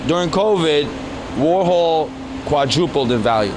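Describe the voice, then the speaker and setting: A man's voice: a little high, expressive, measured pace, noisy background. A man being interviewed casually at an art fair, blunt and joking, often repeating his phrases.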